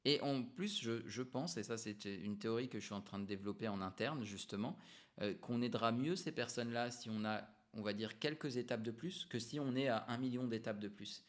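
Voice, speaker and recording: A man coaching entrepreneurs to camera in a relaxed, unscripted way, explaining ideas with emphatic repetitions and frequent hesitations. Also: medium pitch, a little fast. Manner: frequent hesitations and self-corrections. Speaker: business coach.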